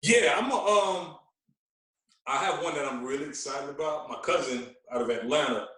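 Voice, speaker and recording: A man appears as a DJ guest on a podcast, chatting casually and using slang. His voice is a bit high, bright, and forceful at a normal speed, and the remote recording sounds very echoey and roomy.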